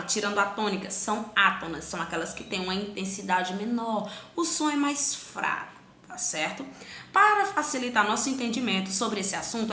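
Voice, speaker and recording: Bright, animated woman teaching grammar. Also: on the high side, echoey room, a little hiss or hum. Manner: stretches syllables slowly to demonstrate stress; plays both teacher and pupil asking questions. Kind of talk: children's grammar lesson.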